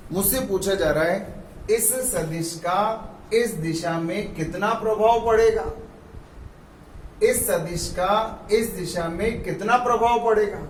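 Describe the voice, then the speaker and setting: High-voiced man teaching in an echoey room. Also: a little hiss or hum. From India. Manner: coaxing, repeats "see" and "look carefully". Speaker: physics teacher. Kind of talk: classroom lecture. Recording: roomy echo, mic at a distance.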